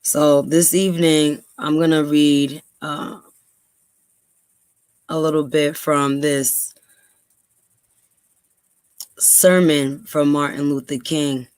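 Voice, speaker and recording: A woman's voice: low voice, level tone, takes it slowly, long pauses, a little mellow, smooth, dry recording. Dry-voiced New woman talking. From New York, USA. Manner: conversational, frequent ums, speeds up when stressing points. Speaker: podcast host. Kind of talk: casual commentary and reading aloud.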